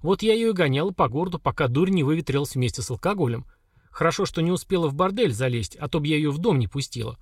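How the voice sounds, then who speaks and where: A man's voice: on the high side, animated, quick pace, husky, dry recording, clean studio sound. A man voicing a stern, mocking older woman warrior who scolds the girls. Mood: scolding.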